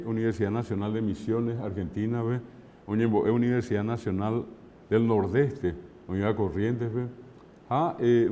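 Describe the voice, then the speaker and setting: A man from Paraguay giving an unhurried online lecture as a language teacher, often slipping in Guaraní phrases and checking in with "¿verdad?". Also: fairly low pitch, warm tone, big-room sound, slight background noise. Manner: unhurried, lists places, mixes in Guaraní phrases, asks "¿verdad?".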